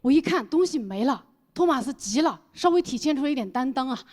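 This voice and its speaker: A young adult woman telling a stand-up comedy story in an animated way, often laughing through her lines. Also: high voice, fast. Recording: noisy live stage recording.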